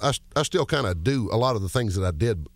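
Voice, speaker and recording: A man's voice: fairly low pitch, lively intonation, fast, reverberant. A man from Georgia with a Southern accent, a comedian telling self-mocking hillbilly jokes and laughing through his punchlines. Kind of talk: stand-up comedy and radio interview.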